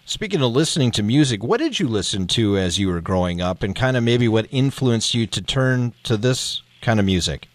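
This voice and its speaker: A man's voice: mid-range voice, sing-song, fairly quick, few pauses, dry recording. American male interview host, dry sound. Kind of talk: casual interview hosting.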